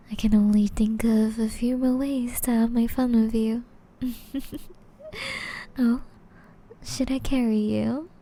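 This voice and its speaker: In this intimate ASMR roleplay, a woman voices a seductive vampire with a slightly high, mellow tone, flirting through breathy whispers and lingering, teasing pet names.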